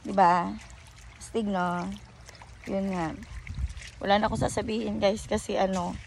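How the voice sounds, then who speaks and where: A woman's voice: mid-range voice, fairly even intonation, a little slow, creaky, darkish tone, slight background noise. A woman with a Filipino accent vlogging outdoors by a river, rambling in a chatty, casual way with many fillers and self-corrections. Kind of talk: casual chat mixing English and Tagalog.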